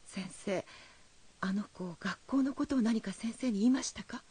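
A woman voicing a fretful, formal mother in a drama, polite on the surface and pressing underneath. Her voice is slightly high and a little breathy, and the sound is dry and close. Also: normal speed, darkish tone, no room sound. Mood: worried. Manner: polite, formal speech turning insistent. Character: anxious, proper mother fretting over her son. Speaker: worried mother.

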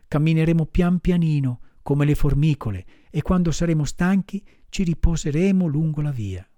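A man voicing an earnest, kind wooden puppet boy who talks in a lively way. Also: fairly high pitch, moderate pace, dry recording, natural voice. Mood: tender.

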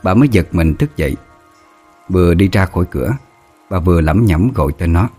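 A man's voice: sits low, expressive, brisk, mellow, slightly rough, soft background music. A man narrating a sad ghost story in an emotive, dramatic way.

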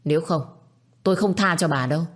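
A cold, threatening rich young man who says little and means it, as a woman reading the story voices him. His voice stays low and flat, close to the reader's own. Every line comes out clipped and curt. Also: a little fast, lightly acted. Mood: menacing.

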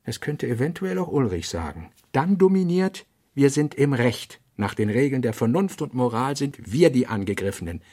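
A male actor with a mellow, medium-pitched, sing-song voice plays a brooding thinker in a literary radio play. He works through sketched notes in halting, thoughtful fragments, with sudden emphatic bursts.

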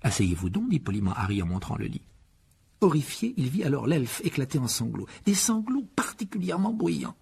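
A man reading an audiobook expressively, with a lively delivery that rises in pitch for dialogue. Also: fairly quick, gravelly, background noise. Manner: lively, voices Harry with rising pitch in dialogue. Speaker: audiobook narrator.

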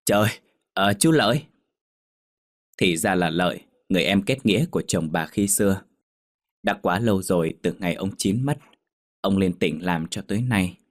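A man narrating a ghost story in a steady, measured way. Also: sits low, no room sound, studio quality.

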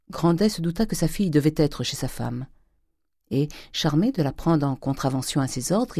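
A reader narrating a classic novel in an even, unhurried storytelling manner. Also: mid-range voice, dry recording, clean studio sound. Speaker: audiobook reader. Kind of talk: literary narration.

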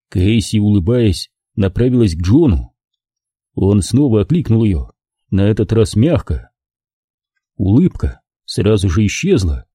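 A man narrating an audiobook in an expressive, measured storytelling manner. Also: fairly low pitch, slightly rough, no room sound, studio quality. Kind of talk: scripted narration.

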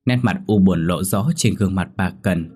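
A man narrating a ghost story in a steady, somber manner. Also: sits low, moderate pace, slightly rough. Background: faint music.

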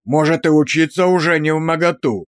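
A savage drill sergeant, put on by a male narrator hurls abuse at his recruits, drawing out every word for weight. The voice sits a little high and the recording is dry and close. He snarls, drags out his commands and keeps the pressure up. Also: no room sound, close to an everyday voice. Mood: mocking. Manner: barking insults, slow hammering emphasis.

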